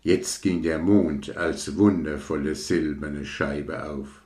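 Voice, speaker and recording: A man reading a fairy tale aloud in a slow, measured storytelling manner. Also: a bass voice, steady tone, a little mellow. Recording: roomy echo.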